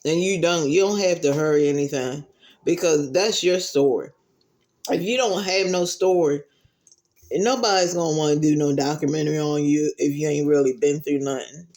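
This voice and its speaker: A man chatting casually to viewers while he eats, giving earnest advice with pauses between phrases. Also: on the high side, a little mellow. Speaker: mukbang vlogger.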